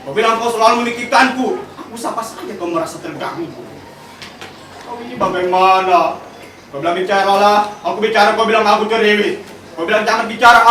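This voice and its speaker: A man giving a dramatic poetry recitation at a contest, emphatic and rhetorical, swinging between loud lines and hushed questions. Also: high voice, slight background noise. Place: large hall at a contest. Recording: echoey hall from far off with crowd.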